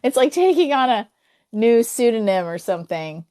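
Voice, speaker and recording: A woman's voice: fairly high pitch, sing-song, normal speed, mellow. A woman hosting a livestream, chatting casually and laughing easily. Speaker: host of a sweepstakes livestream. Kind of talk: casual chat. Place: livestream video call.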